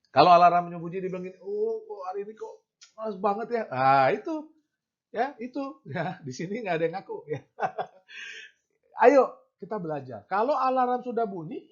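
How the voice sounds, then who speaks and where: A man giving an informal devotional talk, addressing listeners directly and acting out little quoted remarks. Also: high voice. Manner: conversational, addresses audience directly, acts out quotes. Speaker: preacher. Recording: dull lo-fi sound.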